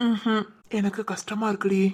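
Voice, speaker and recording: A voice actor playing a caring young husband in a cartoon, who gently teases and coaxes his wife. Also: medium pitch, flat delivery, normal speed, breathy edge, lightly acted. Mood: tender, reassuring. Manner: gently teasing, coaxing. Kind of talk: cartoon voice acting.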